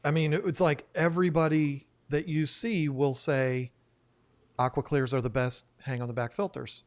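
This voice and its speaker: A man's voice: fairly high pitch, steady tone, moderate pace. Rambling chatty man hosting a stream. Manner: rambling, laughs often, trails off mid-sentence. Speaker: host of an aquarium live stream. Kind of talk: casual live-stream chat. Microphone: new studio microphone.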